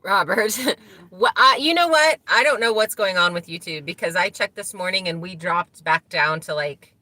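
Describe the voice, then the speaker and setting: A woman's voice: on the low side, normal speed, pushed and bright. A middle-aged woman hosting a live stream from inside a truck, telling stories in a chatty way and laughing often. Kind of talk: casual live-stream chat.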